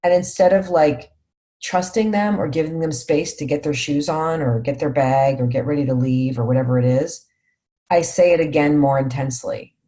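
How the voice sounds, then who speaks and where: A woman with a low-pitched voice leads a parenting workshop. She teaches in a reflective, conversational way and keeps checking in with "right?". She walks her listeners through guiding questions. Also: moderate pace, dark tone. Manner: reflective, tags points with "right?". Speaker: parenting coach leading a workshop.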